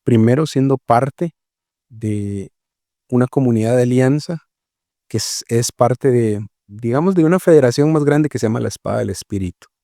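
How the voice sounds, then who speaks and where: With a warm, medium-pitched voice in a dry, studio-quality recording, a man from Guatemala talks about his missionary work as an interview guest. His style is reflective and slow, packed with fillers and frequent "¿verdad?" check-ins.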